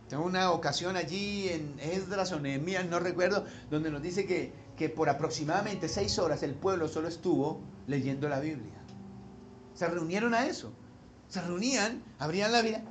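A man preaching a sermon as pastor, animated, with loud emphatic peaks and questions put to the congregation. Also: on the high side, moderate pace, slight background noise.

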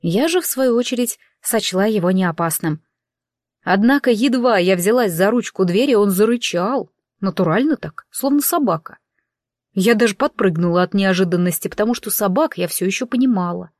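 A woman's voice: mid-range voice, lively intonation, moderate pace, darkish tone, no echo. A woman reading a first-person audiobook with dry, ironic storytelling. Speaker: audiobook reader.

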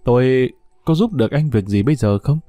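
A man's voice: mid-range voice, lively intonation, a little fast, warm tone, no room sound, faint music behind, natural voice. A man reading a puzzled young journalist. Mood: earnest.

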